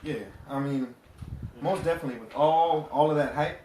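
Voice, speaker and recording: A co-host of a casual basketball talk show, this man sounds playful and likes repeating phrases for emphasis. His voice runs fairly high at a moderate pace, with a noisy background. The room is echoey and the mic sits some distance away.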